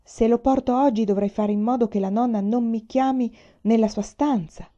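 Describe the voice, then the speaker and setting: A woman's voice: a little high, fairly even intonation, normal speed, warm tone, voice pushed up, lightly acted. A woman voicing a nervous young man from a rich family who talks in a hurry, stammering and defensive. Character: nervous young rich Chinese student, male. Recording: dull lo-fi recording.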